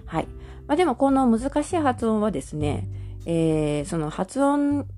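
Mellow-voiced woman teaching a language lesson. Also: on the high side, very animated, measured pace, soft background music. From Japan. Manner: patient, explains step by step with many fillers.

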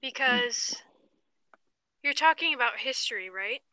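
A teenage girl chatting casually with a friend, halting and joking about herself. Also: fairly high pitch, expressive, sharp tone, dry recording, poor audio. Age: teens. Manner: chatty, self-deprecating, halting restarts. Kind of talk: casual chat.

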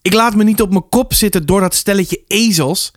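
A man reading a storybook, voicing a furious, defiant teenage schoolboy who shouts in high, strained bursts. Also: moderate pace, dry recording, clean studio sound, lightly acted. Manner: shouting, defiant, choked with anger.

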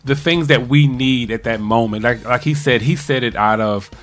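A man's voice: medium pitch, moderate pace, fairly bright tone, soft background music. A man hosting a radio interview, enthusiastic and affirming, laughing easily and praising his guest. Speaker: radio show host.

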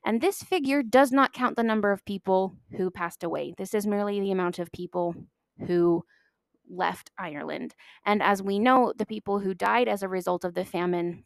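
A woman's voice: mid-range voice, moderate pace, creaky, dry recording. Woman doing a history podcast, punchy emphasis, dry close mic sound. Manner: emphatic, stresses key words, self-deprecating asides. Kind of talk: scripted history narration.

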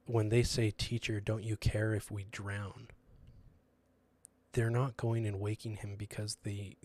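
A young man speaks in a low, fairly flat voice, giving a casual sermon. He talks in an earnest, conversational way, with plenty of ums and restarts as he works through his thoughts. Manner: earnest and conversational, many fillers.

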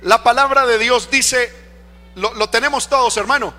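A pastor preaches emphatically, throwing rhetorical questions at the congregation in a very high, sharp voice at a moderate pace. The church hall adds a long reverb, with faint music in the background.

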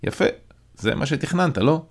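A man doing a warm, teasing male friend. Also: on the high side, lively intonation, breathy edge, voice pushed up. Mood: curious. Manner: encouraging, teasing, quick to laugh. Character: warm, curious, joking adult male friend. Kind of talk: audiobook character voice.

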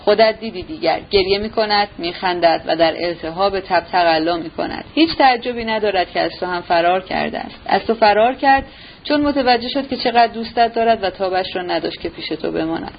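A woman's voice: mid-range voice, natural voice. Bitter jealous young guy, a woman reading his lines, sarcastic, dull recording, light hiss. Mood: brooding. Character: brooding jealous young man, harsh and bitter.

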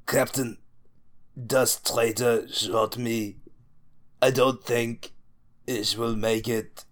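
A man playing a dying, loyal commander, speaking in halting, breathy last words. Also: medium pitch, flat delivery, a bit bright. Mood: pained. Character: dying loyal old commander, Austrian-accented. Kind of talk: comedy audio drama acting.

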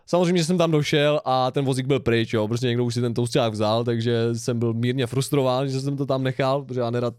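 A man's voice: medium pitch, fairly even intonation, few pauses, darkish tone, clear, resonant tone, no echo, clean studio sound. A young man co-hosting a podcast, telling a rambling, laughing anecdote in casual chat. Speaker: podcast co-host.

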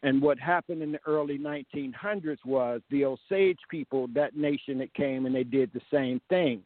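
A man's voice: mid-range voice, moderate pace, no room sound. A man giving a rambling, casual history talk over a phone call, often restarting his sentences. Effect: heard over a phone call. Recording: tinny dry phone line.

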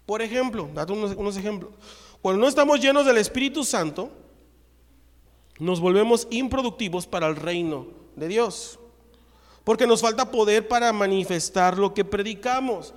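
A man's voice: high voice, normal speed, in a large hall. A man with a Mexican accent preaching a sermon, telling a personal testimony and acting out the dialogue. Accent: Mexican Spanish. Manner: lively storytelling, acts out the dialogue. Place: church.

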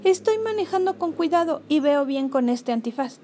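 A woman voicing a daring young girl who drives fast and insists calmly, in a read-aloud storybook. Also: sits high, slight background noise, voice pushed up. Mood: insistent.

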